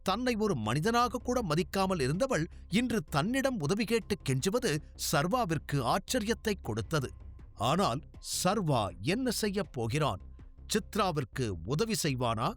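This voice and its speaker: Expressive high-voiced male storyteller. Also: measured pace, faint music behind. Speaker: narrator. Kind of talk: dramatic audio story narration.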